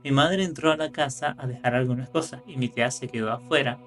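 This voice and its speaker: A man reading horror stories aloud in calm scripted narration, rising for the tense moments. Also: mid-range voice, quick pace. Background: faint music.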